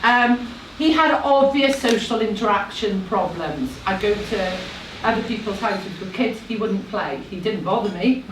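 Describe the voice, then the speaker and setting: A woman's voice: medium pitch, a little slow, few pauses, background noise. Nervous chatty woman in echoey room. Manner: nervous, chatty, self-deprecating asides. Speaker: speaker at a live talk event. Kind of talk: personal story told to a live audience. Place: room with a live audience. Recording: echoey room, voice heard from a distance.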